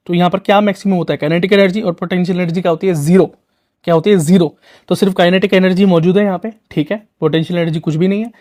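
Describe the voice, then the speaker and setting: A man's voice: fairly high pitch, a little mellow. A young man, teaching physics for exam prep in a chatty, coaxing way full of rhetorical questions.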